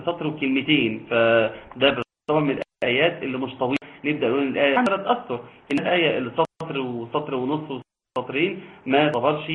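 A man with an Egyptian Arabic accent and a mid-range voice teaches an online tajweed lesson, explaining briskly and then reciting verses slowly in a chanting voice. The line sounds tinny and phone-like, with faint noise.

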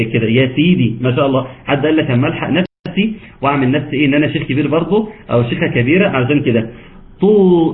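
A man with an Egyptian accent teaching Quran recitation in an online class, asking students questions and teasing them patiently. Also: medium pitch. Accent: Egyptian Arabic. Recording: tinny phone-like call audio.

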